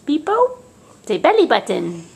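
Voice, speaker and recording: A woman's voice: fairly high pitch, huge pitch swings, normal speed, gravelly, a little mellow. A woman filming her toddler at home, coaxing her in repetitive, sing-song baby talk and laughing often. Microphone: handheld camera. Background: faint music.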